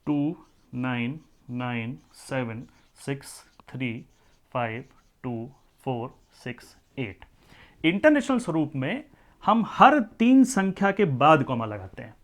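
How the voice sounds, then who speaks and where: A man's voice: medium pitch, expressive, slow. A male maths teacher giving a lecture, who explains step by step, mixes in English number words and keeps asking the class whether they follow. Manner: explains step by step, often asks the class questions.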